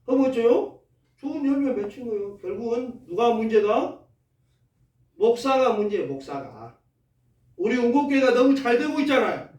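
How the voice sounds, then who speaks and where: A Korean pastor with a preaches in a folksy, lively way, throwing rhetorical questions at his congregation. His voice sits high for a man. It rings through an echoey church hall and sounds a little distant from the mic. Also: normal speed, pauses often. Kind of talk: sermon. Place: church sanctuary.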